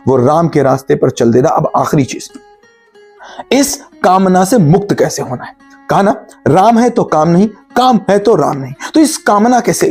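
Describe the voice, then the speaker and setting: A man's voice: high voice, mellow, breathy edge. A man giving a spiritual talk, asking rhetorical questions and answering them himself while speaking straight to the listener. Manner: addresses listener directly, earnest. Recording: faint music behind. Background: faint guitar music.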